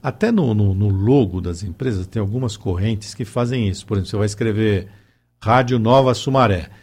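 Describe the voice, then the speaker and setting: Gravelly low-voiced man, hesitant. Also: brisk, darkish tone. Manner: hesitant, many fillers and restarts. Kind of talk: casual conversation.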